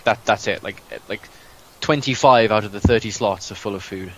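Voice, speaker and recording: A relaxed man chatting over a headset during a game, casual and a bit sweary. His voice is fairly low. Faint game sounds sit behind him. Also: moderate pace, a little hiss or hum. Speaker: gamer. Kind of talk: casual let's-play chat.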